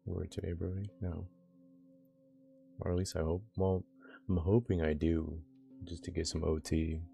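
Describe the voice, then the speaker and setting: Very deep, gravelly young male streamer. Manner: laid-back, slangy, talks to chat and himself. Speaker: game streamer. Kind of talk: casual live-stream chat.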